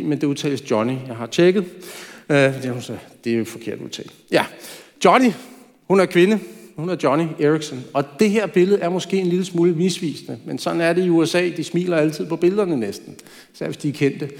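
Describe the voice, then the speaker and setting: A man with a slightly raised pitch gives a sermon, conversational and relaxed, with small asides to his listeners. His voice carries a long reverb from a church hall. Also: creaky. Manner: conversational preaching with light asides. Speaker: preacher.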